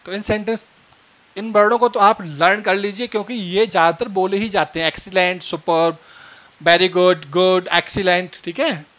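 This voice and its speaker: A man teaching spoken phrases, repeating each phrase and checking that it is clear. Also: high-pitched, steady tone, a bit bright. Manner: explains each phrase slowly, repeating it, often asking "clear?". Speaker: English teacher. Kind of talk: spoken English lesson.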